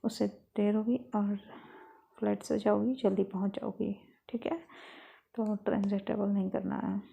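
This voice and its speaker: A woman's voice: medium pitch, level tone, normal speed, vocal fry, warm tone, husky. A woman voicing a young boyfriend who speaks decisively and reassuringly. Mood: firm. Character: firm, caring young boyfriend.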